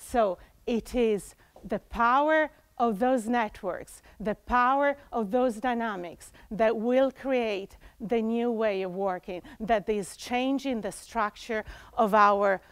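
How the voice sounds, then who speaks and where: A woman's voice: fairly high pitch, slow, smooth, no echo. A woman in her forties from Italy giving a conference presentation, talking with frequent fillers and restarts, on a lapel mic in a conference room. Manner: animated, many fillers and restarts. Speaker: conference speaker.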